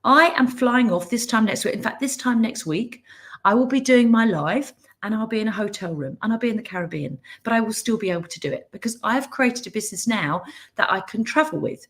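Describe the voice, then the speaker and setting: A woman's voice: on the high side, lively intonation, a little fast. A middle-aged woman, a business mentor hosting her weekly live, talking in a chatty, upbeat way that often breaks off into asides. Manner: chatty, upbeat, self-interrupting. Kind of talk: casual live stream chat.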